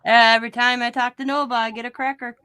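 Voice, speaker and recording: A woman chatting casually on a livestream, telling little stories in a lively way. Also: on the high side, fast, clean tone, no echo, studio quality. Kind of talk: casual live chat.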